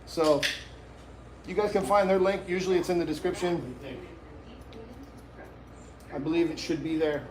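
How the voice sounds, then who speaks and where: This barber's voice is on the high side but darkish, with fairly even intonation, normal speed and long pauses. Hosting a live haircut tutorial, he chats in slang directly to viewers from an echoey room on a rough recording.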